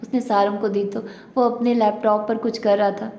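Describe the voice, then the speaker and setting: A woman reading a romance novel aloud in steady, scripted audiobook narration. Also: medium pitch, moderate pace. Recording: echoey room.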